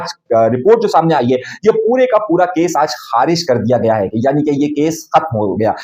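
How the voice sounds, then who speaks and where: Male news commentator, rapid emphatic delivery, raised pitch, leans on rhetorical questions. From Pakistan. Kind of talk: political news commentary monologue.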